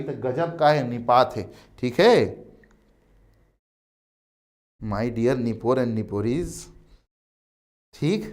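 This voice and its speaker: A male teacher with a Chhattisgarhi accent gives an exam coaching lecture. He talks in an animated, emphatic way, repeats key words and calls his students "beta". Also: fairly high pitch.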